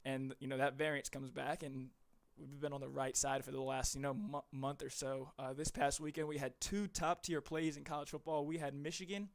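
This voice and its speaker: Male sports tipster on a live stream, gravelly midrange voice, loose and rambling, a bit winded. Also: medium pitch, little pitch movement, normal speed. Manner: casual, rambling, filler-heavy. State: out of breath. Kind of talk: live stream betting analysis.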